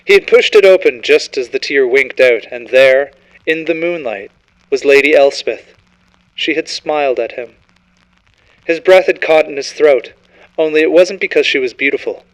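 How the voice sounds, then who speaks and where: A man's voice: on the high side, normal speed, rough recording. A man reading a scripted horror story as narrator, in a dramatic, ominous storytelling manner.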